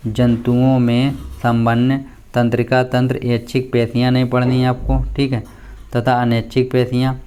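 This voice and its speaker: Clear and resonant, with a mid-range, darkish tone, a man from India walks students through their school syllabus. He keeps the explanation plain and pauses frequently to check in with them.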